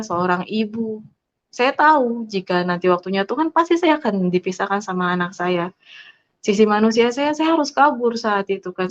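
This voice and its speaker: A woman giving an earnest, halting personal faith testimony, pausing often with fillers. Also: mid-range voice. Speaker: testimony speaker. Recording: dull lo-fi sound.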